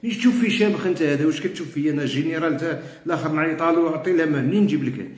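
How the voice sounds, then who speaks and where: Racing along in a darkish voice on the high side, a middle-aged man with an Algerian Arabic accent urges his veterans' group members in a heated, repetitive plea. As their coordinator, he speaks passionately, and the room echoes noticeably.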